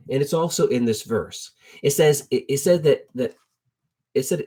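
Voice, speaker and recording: A middle-aged preacher teaches a Bible lesson in an informal, storytelling sermon style, speaking conversationally and colloquially and repeating phrases for emphasis. His voice is mid-range with a dark tone.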